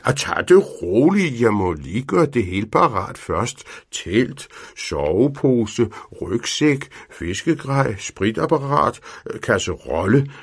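A man voicing a patient old male inventor in a storybook reading, speaking gently with hesitant pauses. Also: mid-range voice, sing-song, vocal fry, husky, no echo, clean studio sound, voice pushed up, heavily acted.

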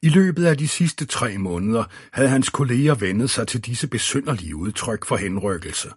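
A man reading an audiobook in a steady, even scripted narration. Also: medium pitch, breathy edge, no room sound, clean studio sound.

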